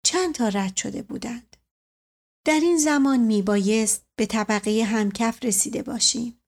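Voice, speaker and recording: A woman reads a first-person short story aloud as an audiobook. Her pacing is measured and even. Her voice sits a little high. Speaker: audiobook reader.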